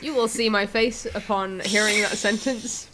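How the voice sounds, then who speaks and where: A woman's voice: medium pitch, fairly even intonation, moderate pace. A sleepy woman in a casual group chat, giggling and teasing the others. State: sleepy, yawning. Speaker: guest co-host. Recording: crowd noise behind.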